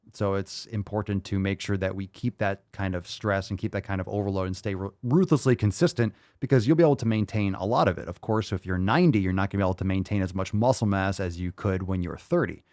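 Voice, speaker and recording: A man in his late thirties with a very low voice hosts a live fitness Q&A. He answers viewers in a loose, thinking-aloud way, full of fillers and restarts. The sound is dry and close, with no room echo. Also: darkish tone. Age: 30s. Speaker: fitness podcast host answering questions. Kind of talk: livestream Q&A.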